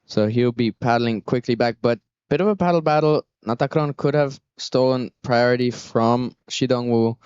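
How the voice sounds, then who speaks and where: Smooth-voiced man commentating on surfing. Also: medium pitch, moderate pace, few pauses, darkish tone, dry recording, muffled recording. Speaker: surf contest commentator. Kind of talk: live sports commentary.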